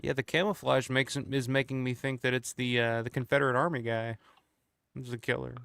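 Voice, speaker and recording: Clear-voiced man in easygoing, dry-sounding chat. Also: mid-range voice, level tone, brisk, a bit bright, dry recording. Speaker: co-host of a film watch-along. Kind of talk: casual film commentary chat.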